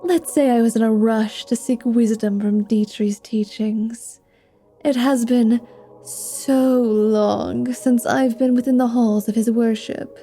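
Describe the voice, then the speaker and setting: Her voice sits on the high side, steady and slow with a dark tone, while faint music plays behind her. In an ASMR roleplay drama she plays a sly, flirty, irreverent vampire posing as a pious paladin, teasing and sarcastic beneath the feigned piety.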